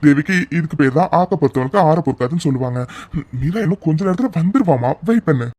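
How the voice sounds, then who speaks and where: A man voicing a calm, gently reassuring middle-aged father in a cartoon. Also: on the high side, quick pace.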